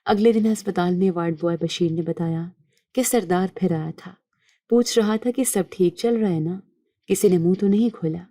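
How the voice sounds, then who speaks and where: A woman telling a first-person story in calm, measured scripted narration. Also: fairly low pitch, no room sound, studio quality.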